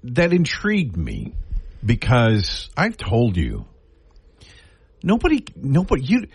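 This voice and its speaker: A man hosting a radio talk show, chatting casually in quick, animated bursts that often break off and restart. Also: mid-range voice, gravelly, slightly rough, no echo. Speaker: radio host.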